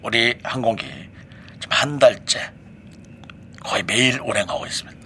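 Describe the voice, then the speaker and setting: A man's voice: medium pitch, moderate pace, bright, forceful tone, a little hiss or hum, voice pushed down, close to an everyday voice. A man playing a male airline captain who gives a formal in-flight announcement as a comedy skit on a radio show. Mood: announcing. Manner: formal in-flight announcement voice, mixing in English greetings.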